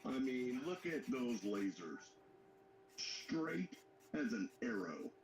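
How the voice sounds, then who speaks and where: A man's voice: mid-range voice, sing-song, slow. A man co-hosting a live hobby show, making dry, joking remarks about his model. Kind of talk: casual chat. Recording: roomy sound with faint background noise.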